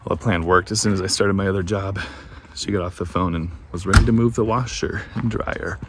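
A man in his thirties narrates a casual vlog outdoors on a farm, holding his phone camera at arm's length. His deep voice has fairly even intonation and a slightly fast pace, his jokes are dry and self-mocking, and loud music plays behind him.

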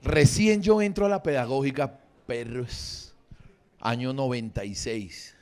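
A man's voice: medium pitch, a little slow, a little mellow. A man in his forties with a Bogotá accent, doing improvised, crude stand-up and bantering with the audience. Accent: Bogotá Spanish. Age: 40s. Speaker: stand-up comedian. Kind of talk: improvised stand-up crowd work. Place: comedy venue with a live audience.

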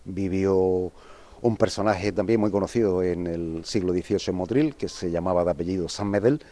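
A man's voice: sits low, moderate pace, dark tone. A man explains the history of an old quarter as he walks its streets outdoors. His talk is unscripted, full of restarts and fillers, in the manner of a local guide. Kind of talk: walking tour explanation.

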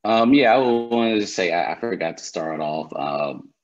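A man's voice: deep voice, animated, measured pace. A man giving earnest, grateful closing remarks as a guest speaker on a video call. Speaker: guest speaker, founder of a career organization. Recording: muffled lo-fi audio.

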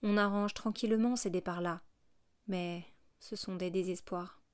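A woman's voice: fairly low pitch, fairly even intonation, unhurried, darkish tone, clear, resonant tone, dry recording, studio quality. Woman narrating a novel audiobook. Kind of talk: audiobook reading of a classic novel.

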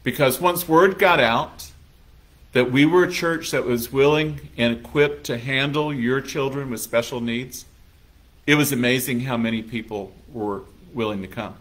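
Speaking at a medium pitch and measured pace with a fairly bright tone, a pastor preaches conversationally in a church sanctuary. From time to time he dramatizes short scenes, voicing the characters he quotes.

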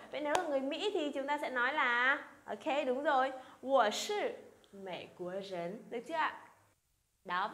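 A woman teaching a language lesson, drilling example phrases slowly and coaxing her students to repeat aloud. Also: sits high, fairly bright tone, echoey room. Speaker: Chinese teacher.

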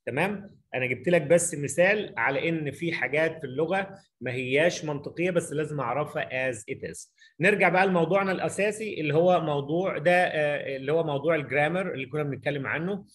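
A man's voice: on the high side, fast, fairly bright tone. A middle-aged man with an Egyptian Arabic accent teaching English in a recorded lesson, asking rhetorical questions and spelling out examples as he writes them.

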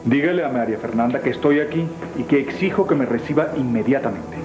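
A man's voice: medium pitch, quick pace, reverberant, natural voice, poor audio. An actor playing a stern, demanding father in a telenovela, speaking formally and imperiously. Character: stern, demanding wronged father seeking his child. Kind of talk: telenovela acting. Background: loud music.

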